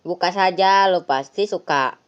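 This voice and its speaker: A friendly, polite boy, voiced by a woman, talking casually and soothingly. The voice is fairly low and plain. The recording is dull and lo-fi. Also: normal speed, smooth, natural voice. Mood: placating. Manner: casual, placating. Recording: lo-fi, dull sound.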